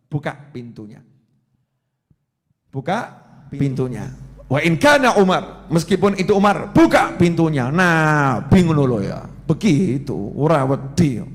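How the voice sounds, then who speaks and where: A man giving a storytelling sermon, asking his audience questions and acting out quoted voices. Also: high voice. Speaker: preacher.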